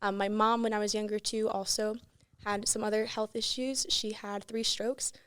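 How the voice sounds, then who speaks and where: With a flat delivery at a moderate pace, a teenage girl's medium-pitched voice sounds a bit bright, clear, and resonant in a dry recording. As a podcast guest she relates her personal experiences earnestly and informally, leaning heavily on fillers like "like" and "you know."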